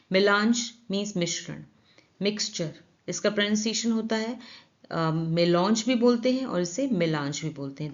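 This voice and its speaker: Indian woman teaching English slowly. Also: medium pitch, muffled recording. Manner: reads English lines slowly, then explains in Hindi. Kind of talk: explaining a newspaper editorial.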